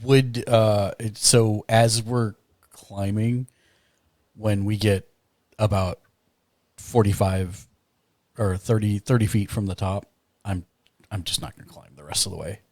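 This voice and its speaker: A man's voice: on the low side, fairly even intonation, measured pace, pauses often, darkish tone, no echo. A man playing a tabletop game, mixing casual banter with narration of his character's actions.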